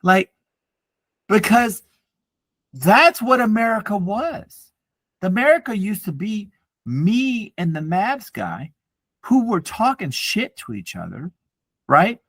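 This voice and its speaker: This forties-aged podcast co-host has a high voice and a slow delivery broken by frequent pauses, recorded with no room sound. The talk is casual: he rants, curses a lot, and tells stories with real animation.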